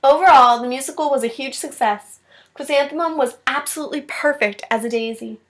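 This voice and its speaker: A woman teacher with a high-pitched, brisk voice reads a children's story aloud expressively, stopping for asides to encourage her class and check in with them.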